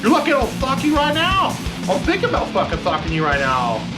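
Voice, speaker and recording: A woman's voice: high voice, huge pitch swings, quick pace. A woman playing a foul-mouthed, hotheaded teenager who keeps threatening to fight. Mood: belligerent. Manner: profane, belligerent, repetitive threats. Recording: loud music behind the voice.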